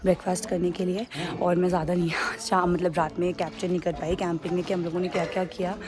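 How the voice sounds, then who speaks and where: A woman's voice: on the low side, level tone, quick pace. A young Indian woman talking casually to her camera as a travel vlogger, chatty and sounding tired and a little bored. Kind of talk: casual vlog narration to camera. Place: outdoors and in a car on a road trip. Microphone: handheld phone or camera. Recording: loud outdoor and traffic noise.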